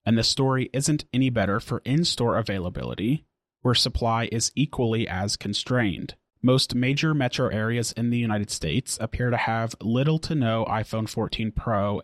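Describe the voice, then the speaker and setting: A man hosting a daily tech news podcast, reading scripted stories and a sponsor spot in a steady, clear newsreader delivery. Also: fairly low pitch, moderate pace, no room sound, studio quality. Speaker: podcast host.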